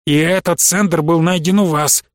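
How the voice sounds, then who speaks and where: A serious army colonel who lays out the facts gravely and deliberately, as a male audiobook narrator reads him. The voice stays close to the reader's own, a touch higher than most men, with a dry, close sound. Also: steady tone, no echo, close to an everyday voice.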